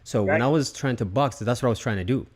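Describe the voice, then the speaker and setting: A man's voice: mid-range voice, fast talker, slightly rough. A man hosting a podcast, asking questions in a hesitant, filler-heavy way. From outside the United States. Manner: hesitant, many fillers and restarts. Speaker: podcast host. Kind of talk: casual interview.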